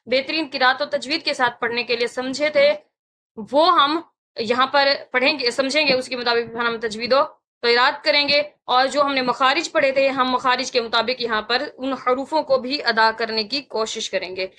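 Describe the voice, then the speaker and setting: A woman teaching a Quran recitation lesson, slowly demonstrating and repeating sounds and correcting common mistakes. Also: high voice, fairly even intonation, pushed and bright. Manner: slow, deliberate demonstration of sounds, repeating syllables.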